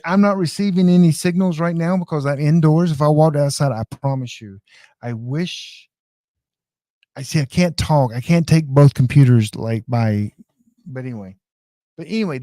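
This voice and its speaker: Speaking to his viewers from indoors, a man runs an informal, hands-on live tutorial on radio gear as an online class presenter, with a homespun, folksy manner. His voice is on the high side and mellow, captured in clean studio sound without echo.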